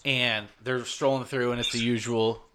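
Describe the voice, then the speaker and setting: A man's voice: mid-range voice, flat delivery, moderate pace, noisy background. A man hosting a podcast, telling a story in loose, casual chat with frequent swearing. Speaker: podcast host.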